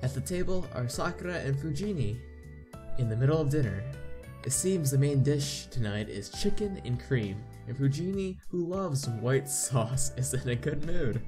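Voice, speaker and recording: With game music in the background, a man narrates a visual novel playthrough, reading the on-screen text and chatting casually about it. He has a medium-pitched, expressive voice and a moderate pace.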